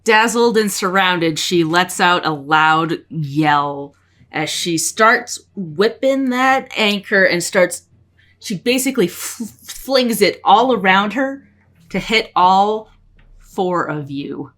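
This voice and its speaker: A woman narrating a tabletop game as game master, describing the action in a halting way with many restarts. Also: fairly low pitch, animated, fairly bright tone.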